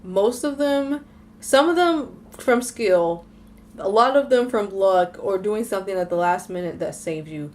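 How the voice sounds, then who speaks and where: A woman's voice: medium pitch, animated, measured pace. A young adult woman giving a casual, rambling episode review, full of fillers and restarts. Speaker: anime reviewer.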